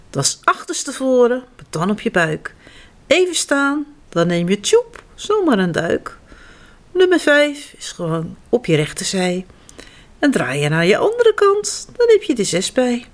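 A woman reads children's stories aloud at a slow, unhurried pace. Her fairly high voice rises and falls in a lively way. She stays gentle and expressive throughout. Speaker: storyteller.

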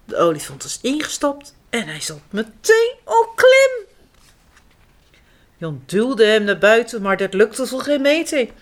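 Slow, sing-song woman storyteller. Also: a little high, sing-song. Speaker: storyteller reading to children. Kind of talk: reading picture books aloud.

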